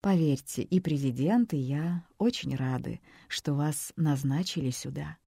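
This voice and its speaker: A self-assured official man, as a woman narrator plays him, calm and commanding in a lowered voice. The tone is dark and mellow, with a dry, close sound. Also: a little slow, vocal fry, slightly rough, no echo, full character voice. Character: authoritative male government official.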